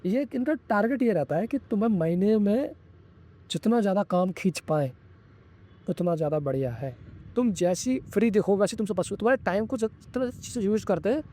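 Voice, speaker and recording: A man's voice: high-pitched, lively intonation, moderate pace, dark tone. A young man giving blunt, slangy career advice in a casual vlog monologue, addressing viewers as brother. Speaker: vlogger.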